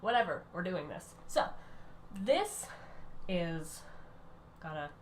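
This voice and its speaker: A young-sounding woman talks over her drawing footage in a loose, rambling way, losing her thread and starting over. She is sick, and her voice sits at an ordinary middle pitch. A faint noise runs underneath. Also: expressive, a bit bright. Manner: rambling, self-interrupting, quick bursts. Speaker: art channel creator.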